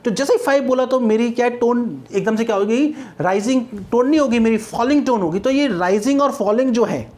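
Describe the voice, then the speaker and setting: A man's voice: extremely high pitch, fairly quick, few pauses, darkish tone. A male teacher with an Indian English accent, giving an exam-prep phonetics lecture in Hindi mixed with English, explaining patiently and often checking that students follow.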